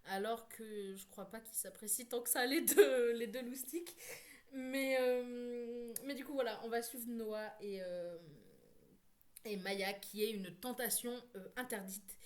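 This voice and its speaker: A woman's voice: a little high, steady tone, unhurried, a little mellow. Rambling French-speaking woman book vlogger. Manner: rambling with many fillers and self-corrections. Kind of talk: casual chat.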